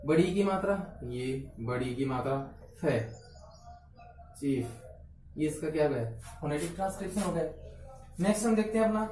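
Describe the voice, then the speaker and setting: At the board, a male phonetics teacher poses questions and then answers them on his own. His voice is high-pitched and mellow. The mic is far away, so the sound is roomy and echoing, with faint room noise persisting below.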